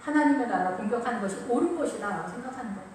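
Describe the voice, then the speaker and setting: A woman preacher giving a lively sermon, repeating phrases and acting out quotes, recorded from a distance in an echoey church with faint ambience. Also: fairly high pitch, very fast, a little hiss or hum.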